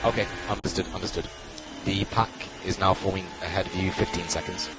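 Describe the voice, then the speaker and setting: A man working as a race engineer on team radio, giving calm, clipped spotter-style instructions and repeating key calls. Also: sits low, fairly quick, noisy background. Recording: radio transmission with loud music behind.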